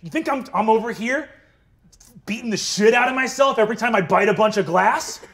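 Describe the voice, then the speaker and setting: A man's voice: high voice, animated, brisk, fairly bright tone. A man voicing a big, dim-witted young jock bro with a laid-back drawl in a tabletop role-play game. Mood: earnest.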